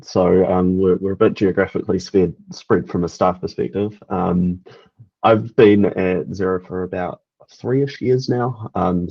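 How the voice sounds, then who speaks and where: A man introducing himself as an engineer on a video call, relaxed with hesitant fillers. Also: low-pitched, creaky, slightly rough, no room sound. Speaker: software engineer. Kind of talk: casual self-introduction. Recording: distant, dull video-call audio.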